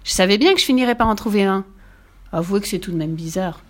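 A woman's voice: mid-range voice, fast talker, close to an everyday voice. A woman voicing a cheeky, fearless little red-haired girl with a bold, playful manner in a storybook reading. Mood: pleased.

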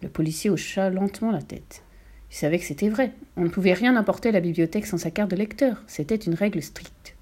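A woman reading a children's story aloud in a calm, measured way. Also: medium pitch.

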